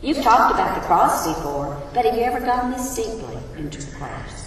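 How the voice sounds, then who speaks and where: A woman's voice: on the high side, very animated, normal speed, distant mic, slight background noise. A woman teaching a sermon who asks her congregation questions, her voice echoing around a big hall. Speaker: Bible teacher. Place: large hall.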